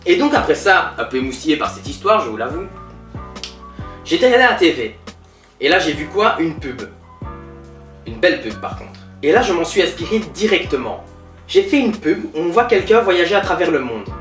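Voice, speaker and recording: In a comedy sketch interview, a man with a fairly high voice at normal speed takes on the role of a pompous billionaire entrepreneur. His mood is boastful, and he brags in a self-satisfied, lively storytelling style. The recording is roomy with a distant mic and some faint music.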